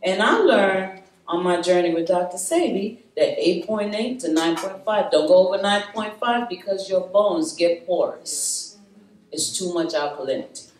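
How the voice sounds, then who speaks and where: A woman speaking to a live roundtable group, animated and preachy, laughing often and calling out to her audience. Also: lowish voice, normal speed. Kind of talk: spirited talk to a live group. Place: meeting room with an audience. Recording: echoey room, voice from far off.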